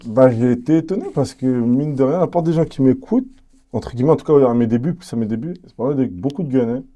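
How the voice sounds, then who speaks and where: A young man from French Guiana with a French Guianese accent, a rapper chatting in an interview in a relaxed, hesitant way with many fillers. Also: mid-range voice, quick pace, dull audio. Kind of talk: casual interview chat.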